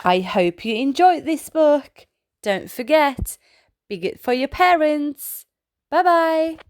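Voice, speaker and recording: A woman host reads a picture book aloud to young children in a high, very lively, expressive voice. She delivers each phrase slowly and deliberately, calling out sound words as exclamations. The recording is close and dry.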